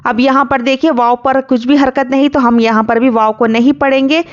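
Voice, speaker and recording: Smooth-voiced woman teaching Quran recitation. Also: high-pitched, fairly even intonation, dull audio. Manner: patient step-by-step explanation, reciting verses slowly and drawn out. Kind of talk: tajweed lesson, explaining rules word by word.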